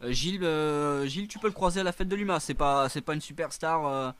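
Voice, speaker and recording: A man's voice: on the high side, a little fast, a bit bright, clear, resonant tone. Man joking hesitantly on a live stream. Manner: joking, hesitant with many fillers. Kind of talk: casual live-stream chat. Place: shared room with friends.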